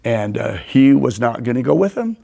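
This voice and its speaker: An older man as a guest, telling animated stories and acting out the quotes. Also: medium pitch, moderate pace, gravelly. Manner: animated storyteller, acts out quotes. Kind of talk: storytelling in a conversation.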